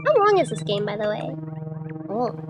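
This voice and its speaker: Giggly young woman streamer, lively voice. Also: mid-range voice, normal speed, over loud music. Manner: giggly, breaks into fits of laughter; swears casually. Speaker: VTuber streamer. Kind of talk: casual live-stream gameplay chat.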